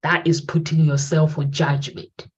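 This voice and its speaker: A talk show host in her forties delivers an earnest, reflective motivational monologue, circling back to repeat her key phrases. Her low voice barely moves in pitch, runs a little slow and has a breathy edge, on a dull lo-fi recording.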